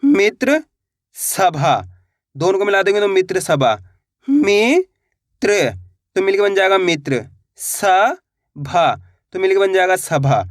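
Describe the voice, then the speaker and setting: A man teaching Hindi reading online, sounding out words slowly syllable by syllable and repeating each rule. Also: high voice, dry recording, studio quality. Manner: slow syllable-by-syllable drilling, repeats rules.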